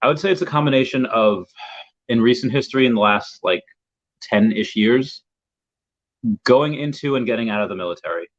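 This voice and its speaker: A young US man, guesting on a laid-back video-call interview, speaks fairly quickly in an animated, medium-pitched voice broken by long pauses. He rambles and circles back over words as he looks for his thoughts, captured in dull lo-fi audio.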